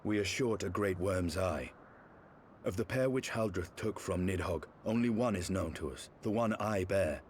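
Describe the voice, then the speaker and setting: An actor playing a brooding, war-weary dragoon knight in a video game, speaking in grave, archaic phrases. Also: male voice, sits low, a little hiss or hum, natural voice. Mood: pondering. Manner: grave, archaic, measured speech. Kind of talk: dramatic video game acting.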